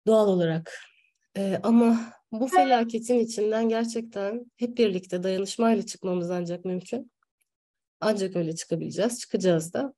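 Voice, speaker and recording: Woman opening a zoom workshop, soft mellow voice, earnest, lots of pauses. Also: medium pitch. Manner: earnest, halting speech with many pauses and fillers. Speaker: host of online psychology session. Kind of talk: opening remarks at an online workshop.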